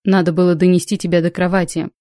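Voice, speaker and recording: A woman's voice: lowish voice, flat delivery, fast talker, warm tone, no room sound, clean studio sound, natural voice. A woman voicing a stubborn, lovestruck male space pirate in an audiobook, speaking in a coaxing, self-assured way.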